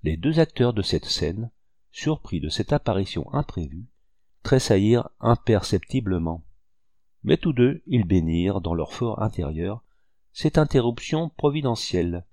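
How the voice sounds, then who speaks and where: A man narrating a classic novel in a measured, literary audiobook reading. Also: fairly low pitch, sing-song, dark tone, dry recording.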